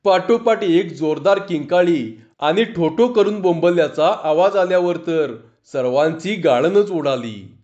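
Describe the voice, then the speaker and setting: A man's voice: fairly high pitch, lively intonation, unhurried, a little mellow. A male storyteller reading a humorous story aloud, narrating expressively between acted voices. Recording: dull lo-fi recording.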